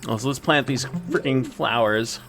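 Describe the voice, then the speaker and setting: A man's voice: medium pitch, moderate pace, vocal fry, a bit bright, soft background music. A man hosting a casual let's-play video, chatting to himself as he plays. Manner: chatty, talks to himself while playing. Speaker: gaming video host.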